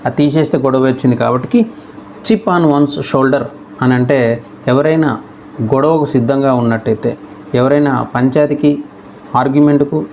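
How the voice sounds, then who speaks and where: A man with a Telugu accent in English, teaching English idioms in Telugu. He reads English example sentences slowly and deliberately, then explains them quickly and repeats key phrases. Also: mid-range voice, steady tone, a little mellow, slight background noise.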